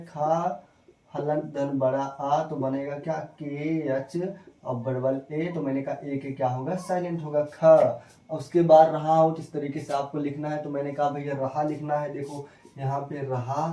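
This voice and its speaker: A man teaching a spelling lesson, repeating himself and firing quick questions at his viewers. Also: a little high, warm tone. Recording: echoey room, voice from a distance.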